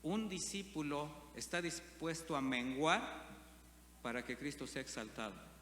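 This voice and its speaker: A man's voice: on the high side, measured pace, a bit bright. A man preaching a sermon, often asking the congregation questions. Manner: asks the congregation frequent rhetorical questions. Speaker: pastor. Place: church hall. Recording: reverberant church hall with faint hum.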